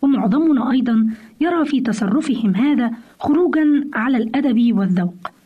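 A woman's voice: a little high, lively intonation, a little fast, slightly rough. A woman advising parents, reading scripted advice earnestly and addressing the listener directly. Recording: dull, lo-fi broadcast audio.

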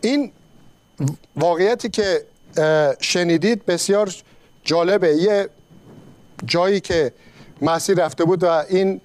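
A man giving a sermon and reading scripture, speaking in a measured way with frequent pauses between phrases. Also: high voice. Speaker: preacher.

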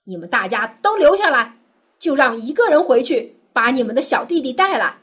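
A woman voicing a stern, commanding man of high rank in a children's Bible story, her voice breathy. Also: very animated, moderate pace. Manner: severe, commanding. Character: stern powerful male governor testing brothers.

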